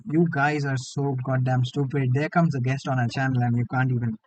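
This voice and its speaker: A man, hosting a casual interview over a video call, slangy and quick to laugh. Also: medium pitch, level tone, darkish tone, no room sound, rough recording. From India. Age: 20s. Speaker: host.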